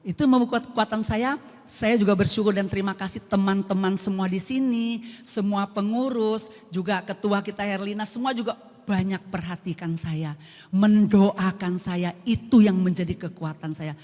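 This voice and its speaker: An older woman sharing a personal faith testimony at a church prayer group, earnest and emotional, moving between soft and emphatic speech. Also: mid-range voice, normal speed. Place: church hall. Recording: echoey hall with long reverb.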